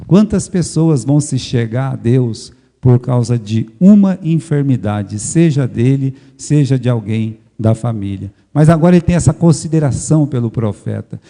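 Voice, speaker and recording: A man preaching with a Brazilian Portuguese accent, telling the story dramatically and swinging between loud emphasis and hushed asides. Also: mid-range voice, animated, normal speed, vocal fry, few pauses. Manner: addresses the congregation as brothers. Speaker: pastor. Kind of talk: sermon. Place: church. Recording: long church hall reverb.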